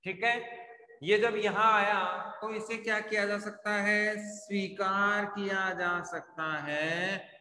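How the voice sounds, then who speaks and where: A man's voice: high-pitched, fairly even intonation, slow, pushed and bright. A male teacher giving a live online class, repeatedly asking his students questions and answering them himself as he writes on a board. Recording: echoey room with long reverb.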